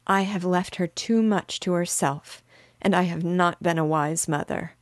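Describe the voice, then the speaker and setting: A woman's voice: lowish voice, measured pace, dry recording, lightly acted. A weeping, remorseful young mother, as a woman reader puts her on, her voice rising and swelling through the tears. It is recorded close and dry. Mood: tearful. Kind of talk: audiobook character voice.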